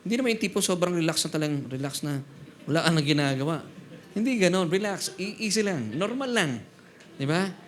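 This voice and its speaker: A middle-aged man from the Philippines preaching a sermon as pastor, animated and often prompting the congregation for a response. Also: a little high, brisk, slight background noise.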